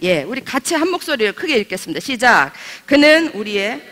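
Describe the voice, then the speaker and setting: A middle-aged woman leads a Bible study with a bright voice that swings up and down in pitch. She is chatty, asks her listeners questions and laughs through her stories. Her voice carries the long reverb of a church hall. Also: very animated, brisk. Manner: laughs while telling stories. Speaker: pastor's wife teaching a Bible study.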